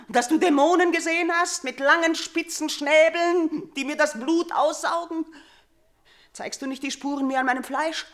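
A woman's voice: high voice, lightly acted. An actress playing a haunted aging queen. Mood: accusing. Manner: theatrical, swings from loud cries to hushed near-whispers. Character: aging queen mother haunted by nightmares, fearful and imperious. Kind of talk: 1950s radio drama acting.

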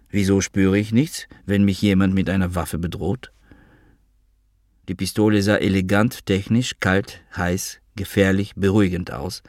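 A man reading a literary novel in the first person, measured and calm. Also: sits low, no room sound, studio quality. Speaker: audiobook narrator.

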